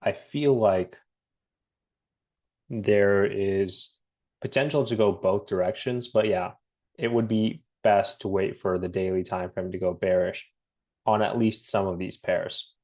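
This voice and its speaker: A man with a head cold walks through trading charts in a relaxed, halting way, full of ums and restarts. His voice sits a little low and carries a slight rasp. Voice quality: raspy. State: has a cold, slightly raspy. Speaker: forex trading analyst. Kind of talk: casual screen-share market breakdown.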